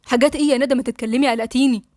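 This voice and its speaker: A woman's voice: sits high, fairly even intonation, very fast, a little mellow, dry recording, clean studio sound, close to an everyday voice. A woman voicing an anxious young Egyptian husband. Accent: Egyptian Arabic. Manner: insistent questioning.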